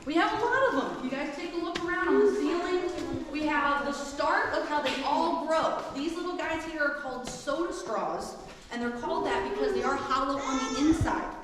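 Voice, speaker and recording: Echoing woman cave guide, high-pitched. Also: normal speed, noisy background. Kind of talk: informal guided-tour explanation. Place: inside a large cave. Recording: echoey cave, distant mic, group chatter.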